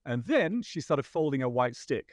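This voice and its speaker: British man, guest storyteller, mid-pitched, rambling and self-deprecating, dry close sound. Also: sing-song, normal speed, no echo. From Britain. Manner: rambling anecdotal, self-deprecating, frequent restarts. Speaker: podcast guest, photographer. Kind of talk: conversational storytelling.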